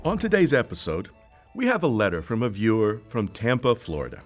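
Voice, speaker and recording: A man playing a pompous, self-important advice-show host who talks in a grandiose, over-deliberate way and fusses about how his name is said. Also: lowish voice, huge pitch swings, faint music behind. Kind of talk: comedy skit acting.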